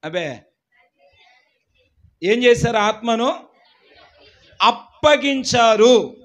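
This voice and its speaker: A man with a strikingly high voice and a hoarse, worn throat leads a Bible study class. He speaks slowly and deliberately, quizzing his students and urging them to answer aloud. He now and then rises into emphatic shouted lines. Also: expressive. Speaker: pastor teaching a Bible class.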